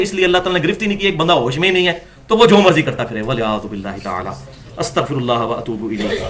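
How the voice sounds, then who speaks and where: A man giving an argumentative religious lecture, reading quotations from books and reciting verses slowly. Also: high voice, sharp tone. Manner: argumentative, reads quotes aloud and recites scripture slowly. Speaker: religious scholar.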